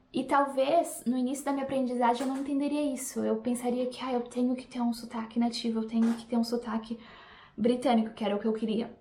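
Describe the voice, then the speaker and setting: Talking straight to her viewers in a relaxed, reflective way, a young language-teacher vlogger from Brazil speaks with a Brazilian Portuguese accent. Her voice leans high and a little mellow, and the audio sounds roomy.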